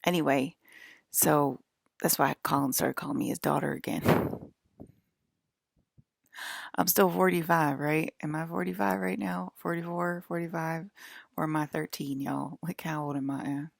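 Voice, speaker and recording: In a dry, studio-quality recording, a woman in her forties vlogs a rambling monologue to the camera, defiant and scolding, checking in constantly with "okay?" and "right?". Her low, creaky voice keeps a fairly even intonation at a measured pace, with frequent pauses.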